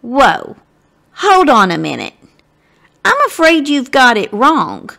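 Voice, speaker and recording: Slowly and with vocal fry in her high-pitched voice, a woman reads a children's story aloud as a guest. She performs it dramatically and expressively, speaking right to her listeners.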